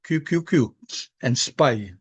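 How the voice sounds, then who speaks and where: A man's voice: mid-range voice, lively intonation, slow, slightly rough, dry recording. A man with a Filipino accent teaching an online coding class informally, often checking in with short tags. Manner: repeated check-in tags such as okay and no. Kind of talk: informal live coding lecture.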